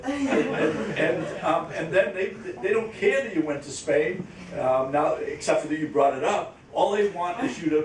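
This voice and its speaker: In an echoey conference room, a man answers questions casually but haltingly, often repeating words and using acted-out quotes as examples. The recording sounds roomy and distant, with a faint rumble underneath.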